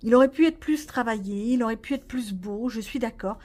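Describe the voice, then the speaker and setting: A woman's voice: a little high, a little fast, a little mellow. A woman vlogging casually about her coloring pages, rambling and joking at herself with lots of fillers. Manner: chatty, rambling, self-mocking, many fillers. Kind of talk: casual chat.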